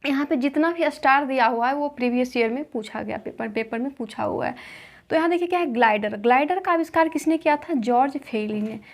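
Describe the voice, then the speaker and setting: A woman's voice: high-pitched, a little fast. A woman teaching a general knowledge lesson, asking questions and answering them herself, with little stories to help facts stick. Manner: spins little stories to fix facts in memory. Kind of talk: explanatory lesson with memory tricks.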